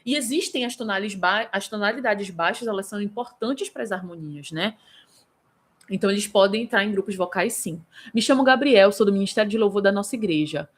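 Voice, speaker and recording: A woman's voice: medium pitch, fairly quick. A woman vocal coach in Brazil, teaching a live singing lesson and answering viewers by name. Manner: lively, demonstrative, breaks into vocal examples.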